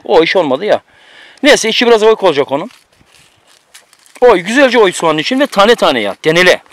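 A man's voice: high-pitched, sing-song, brisk, fairly bright tone, no room sound. A man cooking outdoors on a mountain, giving teasing, bossy instructions to a friend in casual chat, recorded on a camera mic. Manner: bossy, teasing running commentary.

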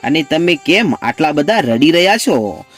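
A man voicing concerned village men who question gently and coaxingly. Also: fairly high pitch, big pitch swings, moderate pace, faint music behind.

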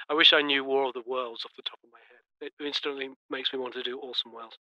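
A man's voice: mid-range voice, moderate pace, pushed and bright, dry recording. A man playfully testing a microphone that makes his voice sound like a gritty old carbon telephone, amused by how it sounds. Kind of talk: casual microphone test. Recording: lo-fi vintage phone mic sound.

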